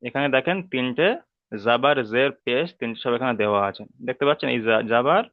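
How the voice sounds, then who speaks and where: A patient man teaches an online class at an ordinary pitch, repeating every rule slowly and carefully. His voice is dry and close, with the dull, muffled sound of a computer mic on a video call. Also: no echo. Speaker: Quran reading teacher.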